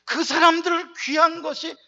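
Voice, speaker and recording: A tearful, pleading God reasons patiently with a sulking prophet, as a man preacher acts it out in his sermon. The voice is very high and bright, with a catch of tears in it. The recording is dull and lo-fi. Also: steady tone, moderate pace, vocal fry, full character voice.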